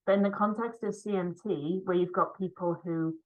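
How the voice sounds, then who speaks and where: A woman's voice: fairly low pitch, fairly even intonation, moderate pace, rough recording. A woman from Cardiff with a slight Welsh accent, giving a conference talk over a video call in a conversational way with frequent ums. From Wales. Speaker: physiotherapist and para rower presenting online.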